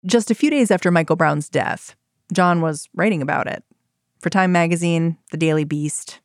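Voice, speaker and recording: A woman hosting a narrative podcast, telling the story in a measured way and asking probing questions. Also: lowish voice, no room sound. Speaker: podcast host. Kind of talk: scripted narration and interview. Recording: dry studio sound with music.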